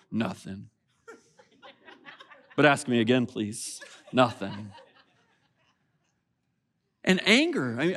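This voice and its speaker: A man preaching a sermon as pastor, conversational and animated, acting out little quotes from everyday people. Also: on the high side. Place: church auditorium.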